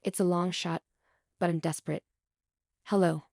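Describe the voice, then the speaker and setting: A woman reading a first-person relationship drama as scripted narration, in an even, measured way. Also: on the low side, no echo, studio quality.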